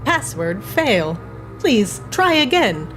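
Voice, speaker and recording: A malfunctioning clockwork robot, put on by a woman running the game, stuck in loops of error messages and reboots. It speaks in slow, clipped announcements with pitch that lurches up and down. Music plays clearly behind the voice. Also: sing-song, a bit bright, full character voice. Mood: flat mechanical. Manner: clipped, repetitive machine announcements. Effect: glitching robot voice. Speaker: game master. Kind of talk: narrating a tabletop game.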